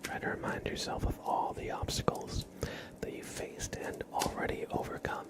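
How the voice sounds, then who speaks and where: Whispering breathily as an ASMR streamer, a man reassures gently, his positive affirmations arriving in short, halting phrases.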